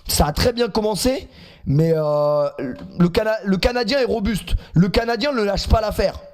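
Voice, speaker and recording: A man's voice: sits high, moderate pace, a little mellow. A man in his twenties streaming live, reacting to clips and chatting in a teasing, self-mocking way.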